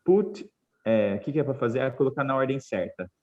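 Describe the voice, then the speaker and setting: Patient Brazilian teacher on a video call. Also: male voice, mid-range voice, animated, a little mellow, lo-fi sound. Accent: Brazilian Portuguese. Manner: patient, spells out examples slowly. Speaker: English teacher. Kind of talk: online class.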